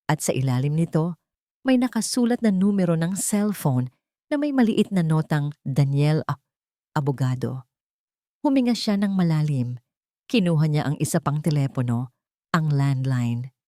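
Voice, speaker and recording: In a low, warm voice, a woman narrates a scripted romantic drama, measured and dramatic, delivering short storytelling phrases. The recording is close and dry, with no room sound at all.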